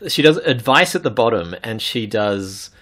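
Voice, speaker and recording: A man's voice: on the low side, expressive, moderate pace, a bit bright. Aussie guy from queensland, podcast host just chatting, candid, kinda dry humour. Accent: Queensland Australian. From Toowoomba, Queensland, Australia. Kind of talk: casual chat.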